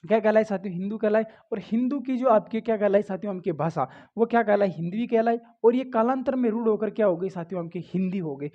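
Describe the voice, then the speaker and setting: A man's voice: sits high, fast talker, hardly any pauses. A man teaching a Hindi grammar class for exam prep. He keeps asking his students questions and then answering them himself. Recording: dull lo-fi audio.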